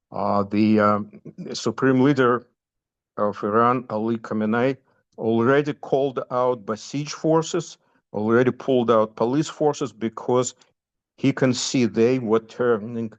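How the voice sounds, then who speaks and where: A man with a Russian accent giving a spoken update on current events, halting often with fillers and restarts. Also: mid-range voice, dull audio. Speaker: guest commentator.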